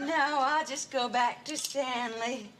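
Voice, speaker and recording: A woman's voice: high-pitched, fairly even intonation, takes it slowly. An actress playing a giggly, teasing middle-aged landlady in a sitcom, on a noisy old TV soundtrack.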